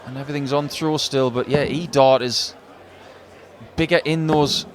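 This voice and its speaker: Guy doing darts co-commentary, average pitch, chatty analysis, crowd noise in back. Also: fairly even intonation, moderate pace. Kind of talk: live sports commentary, analytical chat.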